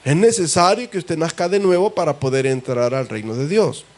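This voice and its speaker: A man's voice: fairly high pitch, moderate pace, darkish tone. A man with a Salvadoran accent preaching a sermon as pastor, talking conversationally and asking the congregation rhetorical questions. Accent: Salvadoran Spanish. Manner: conversational, asks the congregation rhetorical questions and calls them brother.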